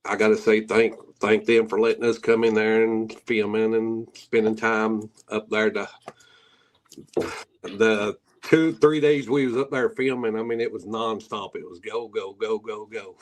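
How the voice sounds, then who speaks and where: A middle-aged man speaks in a fairly low voice with a thick hillbilly Appalachian accent. He tells his stories casually as an interview guest, wandering from point to point in folksy rural grammar. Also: fairly even intonation, a little slow. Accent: Appalachian, hillbilly drawl. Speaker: guest, paranormal investigator.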